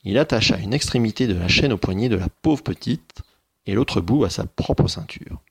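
A low-voiced male teacher reading a storybook aloud, slow and expressive. His voice is husky and gravelly, with a creaky edge. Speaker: schoolteacher.

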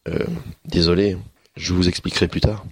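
A man's voice: low voice, flat delivery, moderate pace, darkish tone, breathy edge, no room sound, studio quality. A man voicing a brave young prince in a storybook reading for children. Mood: heroic.

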